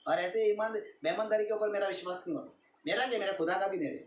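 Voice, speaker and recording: A man's voice: high-pitched, quick pace. A man preaching a sermon as a pastor, repeating his points emphatically and asking the congregation questions. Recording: echoey room, voice from a distance, faint hiss.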